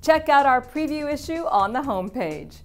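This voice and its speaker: A woman's voice: high-pitched, big pitch swings, moderate pace, soft background music. Polished woman reading sports news. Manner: upbeat, polished read with light quips. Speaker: news presenter. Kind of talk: scripted sports news narration.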